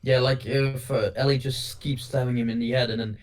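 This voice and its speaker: A man's voice: mid-range voice, level tone, brisk. A man talking as a guest in a casual gaming chat, hesitant and often restarting his words. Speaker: podcast guest.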